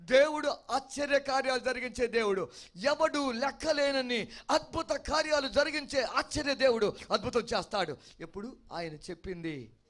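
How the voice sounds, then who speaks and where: A man's voice: very high-pitched, moderate pace, a bit bright. A male pastor delivering an expository sermon, preaching with emphatic repeated refrains and often asking the congregation whether they follow him.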